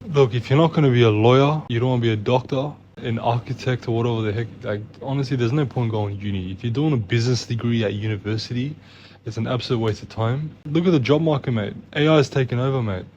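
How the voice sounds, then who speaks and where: Young aussie bloke venting, mate this mate that, dark husky voice, kinda lo-fi. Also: male voice, medium pitch, fast, slight background noise. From Australia. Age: young adult. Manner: ranting, exasperated, slangy with "mate" and "bro". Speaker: co-host. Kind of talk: casual chat.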